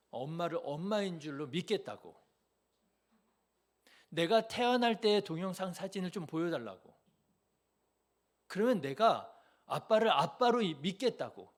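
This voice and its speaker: A male pastor preaching a Sunday sermon in a church, who keeps putting rhetorical questions to the congregation. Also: on the high side. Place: church sanctuary.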